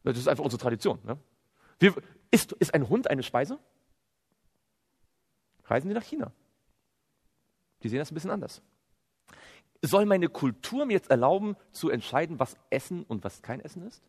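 A man's voice: fairly high pitch, moderate pace, long pauses, husky. A man preaching a sermon, quoting scripture and firing off rhetorical questions that he answers himself. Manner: animated, asks rhetorical questions and answers them; quotes scripture. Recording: long hall reverb.

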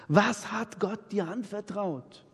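A man with a husky, high-sitting voice preaches an anecdotal sermon slowly, telling stories and acting out the dialogue in different voices. The sound comes from a reverberant hall.

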